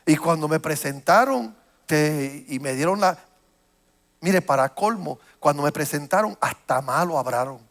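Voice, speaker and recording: A man preaching from the pulpit, his voice high and gravelly as he tells a long personal story. He stumbles over repeated words and restarts, and he grows more animated as the story builds. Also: unhurried. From United States. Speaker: pastor. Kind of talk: sermon.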